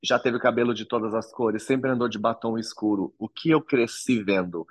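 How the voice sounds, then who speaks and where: A man's voice: medium pitch, moderate pace, no room sound. A man, telling his own story to an interviewer in an earnest, reflective way. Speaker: interview guest. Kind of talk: personal testimony in an interview.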